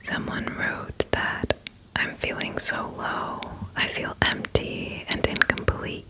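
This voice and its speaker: A woman whispering a soothing pep talk in the style of ASMR affirmations. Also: takes it slowly. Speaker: ASMR host.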